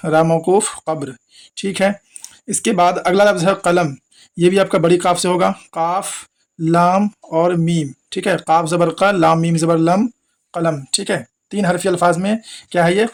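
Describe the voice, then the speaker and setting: Man, high-pitched, teacher, spells letter by letter, asks viewers questions, repeats each word. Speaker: Urdu teacher.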